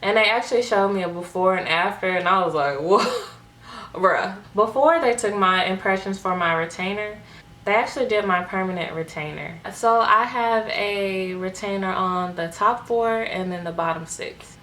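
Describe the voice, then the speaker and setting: A woman's voice: mid-range voice, moderate pace, a bit bright. A young woman talking casually to viewers in a vlog, chatty and full of "like" fillers. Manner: chatty, filler-heavy with frequent "like". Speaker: vlogger. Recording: echoey room with faint noise.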